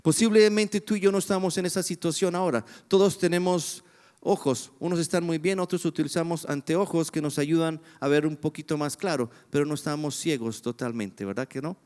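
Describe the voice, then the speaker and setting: A man's voice: fairly high pitch, fairly quick, a little mellow. A man preaching a sermon as pastor, retelling a story dramatically and putting rhetorical questions to the congregation. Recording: long reverb of a church hall.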